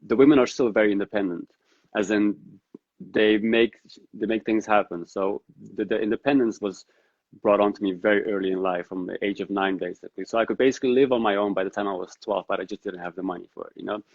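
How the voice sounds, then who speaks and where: A Netherlands-based man whose native tongue is Dari joins a podcast as a guest for a casual interview. He has a flat, fairly low-pitched voice and mulls things over aloud in an earnest, reflective way. There is no echo, and the audio sounds dull and lo-fi.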